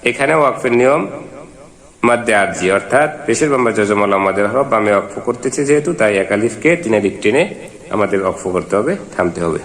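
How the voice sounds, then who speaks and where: A man teaching Quran reading. He spells out letters and vowel marks one at a time, then chants each verse in slow, drawn-out syllables. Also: fairly low pitch, expressive, a bit bright, echoey room. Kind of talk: step-by-step recitation lesson.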